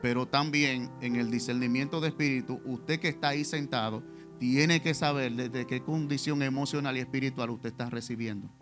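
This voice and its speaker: Pastor preaching over faint music. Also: male voice, mid-range voice, fairly even intonation, normal speed. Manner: testimonial preaching, addresses congregation directly, rhetorical questions. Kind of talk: sermon. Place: church.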